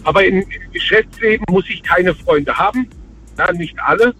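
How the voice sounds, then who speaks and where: Man on a phone line, caller, high voice, bright and sharp tone, halting with lots of fillers. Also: breathy edge, faint music behind. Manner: hesitant, many fillers and "ja?" tags. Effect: over a phone line. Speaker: radio call-in caller. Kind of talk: casual call-in chat. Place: on the road, calling from a vehicle.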